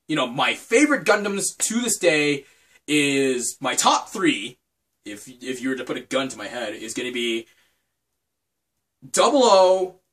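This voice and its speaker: Animated high-pitched man rambling. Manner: animated, rambling, self-correcting. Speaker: anime reviewer. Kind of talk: casual anime preview commentary.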